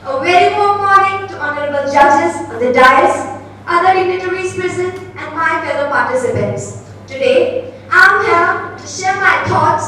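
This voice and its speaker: A teenage woman gives a formal rehearsed speech in prim, measured, precise elocution. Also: very high-pitched, pushed and bright. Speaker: declamation contest participant. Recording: very echoey hall, distant, faint noise.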